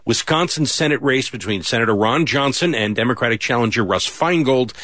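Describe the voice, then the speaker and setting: A man's voice: medium pitch, expressive, brisk, fairly bright tone, no echo, clean studio sound. A man anchoring live local election coverage on radio, reading results and handing over to colleagues. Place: radio studio.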